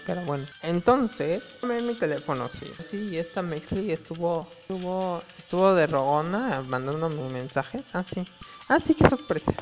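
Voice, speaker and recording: Chatty young man storyteller. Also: fairly high pitch. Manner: chatty, gossipy, full of fillers. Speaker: student vlogger. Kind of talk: casual storytelling. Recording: dull lo-fi with reverb, faint music.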